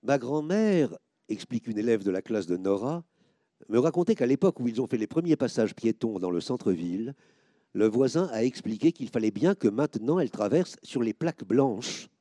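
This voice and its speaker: A man reading first-person stories aloud, expressive, lifting his voice sharply when he quotes the people in them. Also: mid-range voice, normal speed, dry recording. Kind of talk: scripted narration.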